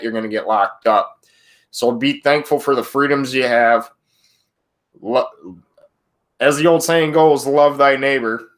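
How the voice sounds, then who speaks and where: A man's voice: mid-range voice, a bit bright. A man hosting a casual podcast, talking in a friendly, rambling way and often correcting himself. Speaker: podcast host. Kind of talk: casual chat.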